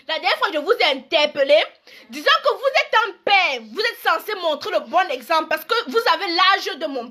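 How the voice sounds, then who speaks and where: A woman's voice: very high voice, pushed and bright. A woman in her twenties with a Cameroonian French accent, scolding and repeating herself in a live video rant. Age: 20s. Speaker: blogger.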